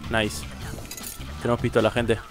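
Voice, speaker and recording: Brief: young Argentine guy streaming a survival game, casual slangy commentary, mid-pitched voice, faint music behind. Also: completely flat delivery, moderate pace. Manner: casual, slangy, talks to chat. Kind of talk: live gameplay commentary.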